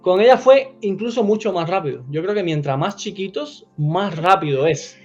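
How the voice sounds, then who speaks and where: Man, 40s, fairly high voice, earnest animated talk, slightly dull audio, faint music. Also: normal speed. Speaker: immigrant guest. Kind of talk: casual interview chat.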